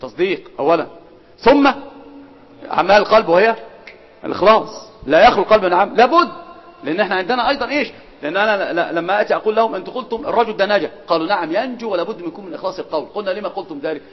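A man with an Egyptian accent teaching a religious lesson. He quizzes his students and swings between loud and soft speech. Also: sits high, lively intonation, racing. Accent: Egyptian Arabic. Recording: dull, hall with long reverb.

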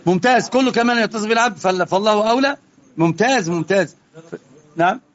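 A man with an Egyptian Arabic accent giving a religious lesson, moving between calm explanation and heated rebuke. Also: sits high, quick pace, muffled recording. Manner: impassioned, swings from quiet explaining to heated rebuke. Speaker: religious teacher.

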